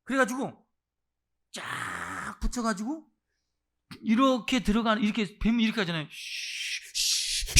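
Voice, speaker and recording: A man preaching a Sunday sermon as pastor, swinging between loud exclamations and near-murmurs and putting direct questions to the congregation. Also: high-pitched. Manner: acts out voices of those he quotes. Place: church service.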